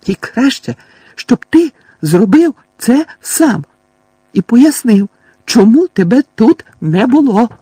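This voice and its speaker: A man reading an audiobook voices a shrill, furious old woman, a bossy neighbour who shrieks and scolds. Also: sing-song, moderate pace, long pauses, darkish tone, husky, no echo, exaggerated voice. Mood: shrieking fury.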